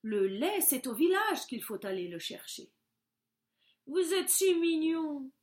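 A woman voicing a scheming, bossy old witch in a storybook, with a cackling, drawn-out delivery. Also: high-pitched, sing-song, a little mellow, pitched above the performer's own voice, exaggerated voice.

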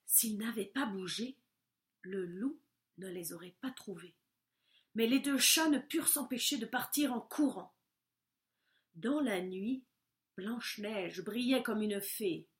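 Slow, gentle woman reading a storybook. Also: mid-range voice. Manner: gentle, measured, expressive.

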